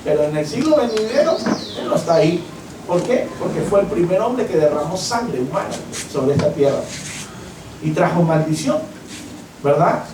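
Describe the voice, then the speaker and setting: Peruvian pastor preaching in an echoey church. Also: male voice, fairly high pitch, animated, moderate pace, far from the mic, noisy background. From Peru. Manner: impassioned preaching, acting out quoted voices. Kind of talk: sermon. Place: church hall.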